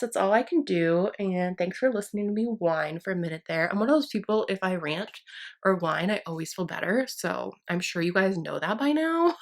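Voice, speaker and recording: Sitting by her vanity downstairs at home, a young woman who makes beauty videos does a relaxed get-ready-with-me chat as she applies makeup. Her voice is fairly low and a bit bright, and she rambles self-deprecatingly while getting over a sinus infection.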